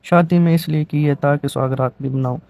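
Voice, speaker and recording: A man's voice: a little high, fairly even intonation, creaky, a little mellow. A man reading the lines of an angry, stubborn young husband in a storybook reading, harsh and threatening.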